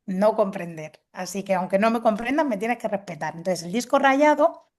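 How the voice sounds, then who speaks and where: A woman's voice: medium pitch, lively intonation, moderate pace, darkish tone. A woman, a guest expert patiently explaining assertiveness techniques and acting out example dialogues. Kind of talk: explanatory talk with acted examples.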